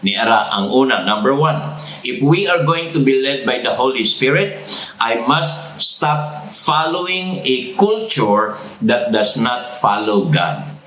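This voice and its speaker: A man with a Cebuano accent preaching a sermon as pastor, repeating each point deliberately and prompting the congregation to say phrases back. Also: medium pitch, big pitch swings, fairly bright tone, echoey room, low-quality recording. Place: church sanctuary.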